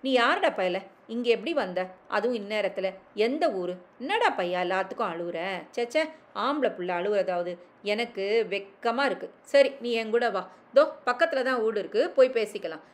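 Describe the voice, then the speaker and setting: A woman voicing a kindly, talkative old village grandfather who teases and scolds gently in rural speech. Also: mid-range voice, animated, normal speed, lightly acted. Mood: coaxing.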